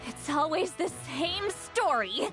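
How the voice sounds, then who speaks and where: A woman's voice: very high voice, animated, slow pace, fairly bright tone, full character voice. A woman playing a feisty, tipsy granny shaman in a video game, belligerent, proud and grumbling with a drunken slur. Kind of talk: animated video game acting. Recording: music behind the voice.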